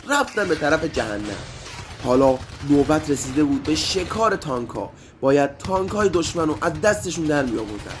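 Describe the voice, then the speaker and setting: A man narrating a story and speaking directly to children in a lively way. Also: fairly high pitch, noisy background. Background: faint music.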